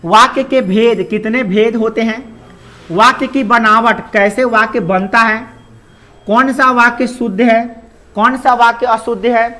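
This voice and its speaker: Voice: medium pitch, steady tone, a little slow, pushed and bright. An adult Hindi grammar teacher giving a classroom-style lecture. They pose questions and answer them, and mix English words into the explanations.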